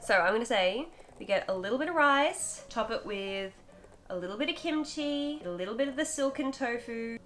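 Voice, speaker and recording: A woman's voice: a little high, normal speed, echoey room, faint music behind. A young woman chatting casually as she tastes and rates cheap convenience store food in a hotel room. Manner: chatty and animated, tasting and commenting on food. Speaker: food vlogger.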